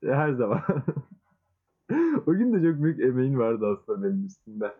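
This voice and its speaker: A man's voice: mid-range voice, very animated, moderate pace. Teasing male podcast host on a tinny line. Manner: playful teasing. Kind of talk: casual chat. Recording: tinny phone-like sound.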